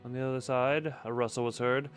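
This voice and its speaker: A man's voice: medium pitch, steady tone, fairly quick, faint music behind. A man reading a story game aloud as its player, dramatic in the narration and joking in his asides.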